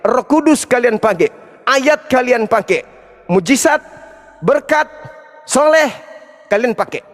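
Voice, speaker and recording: A man's voice: sits high, in a large hall. A man giving a confrontational, preachy debate speech, taunting his opponents with emphatic lines. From Indonesia. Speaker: Islamic apologetics debater.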